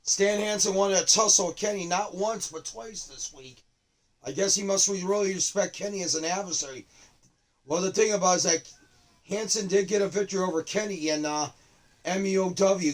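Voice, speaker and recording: Excitable high-voiced wrestling commentator man. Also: poor audio. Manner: excitable, frequent exclamations. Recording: loud crowd and game noise.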